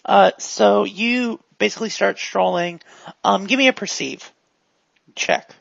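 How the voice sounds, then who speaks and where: A man running a tabletop role-playing game as game master, playful and jokey with quick asides. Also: high-pitched, gravelly, fairly bright tone, no echo, dull audio.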